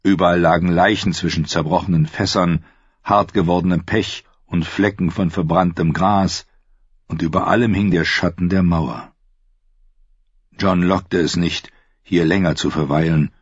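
A man reading an audiobook with lively, expressive narration, in a muffled lo-fi recording. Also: deep voice, normal speed, breathy edge, no room sound.

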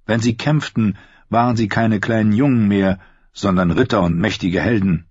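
Man, audiobook narration, steady measured pace, husky, slightly dull lo-fi recording. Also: fairly low pitch, no room sound.

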